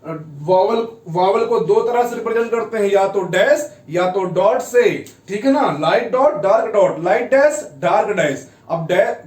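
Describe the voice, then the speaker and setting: A man's voice: high-pitched, darkish tone, far from the mic. A man teaching a shorthand lesson, explaining step by step and often checking with the class in a repetitive way. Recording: echoey room, off-mic.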